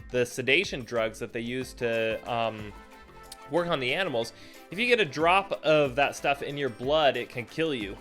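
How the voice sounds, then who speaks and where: Host: upbeat, chatty man, bright voice, faint music underneath. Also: mid-range voice. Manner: enthusiastic, chatty. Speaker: podcast host. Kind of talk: casual podcast chat.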